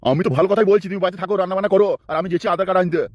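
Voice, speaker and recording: A man's voice: high-pitched, fairly even intonation, racing, no echo, dull audio, close to an everyday voice. A man voicing a stubborn, suspicious husband in a comic cartoon dub. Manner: nagging, suspicious.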